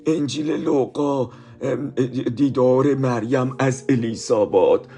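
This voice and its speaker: A man's voice: medium pitch, dark tone, soft background music. A man telling a Bible story to children, explaining each verse again in simple words and often turning to the children with asides.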